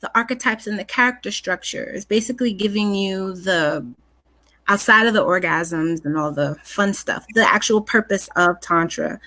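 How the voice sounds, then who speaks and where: Sultry, soft-spoken woman facilitator, dry sound. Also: medium pitch, moderate pace, no room sound, low-quality recording. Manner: soft, sultry delivery, breaks into laughter. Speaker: co-host and workshop facilitator. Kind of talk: casual livestream chat.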